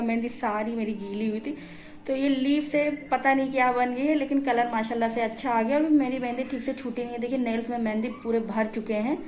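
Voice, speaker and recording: A woman's voice: high voice, a little mellow, a little hiss or hum. A young woman casually narrating her day for a vlog, chatting to viewers as friends. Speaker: vlogger.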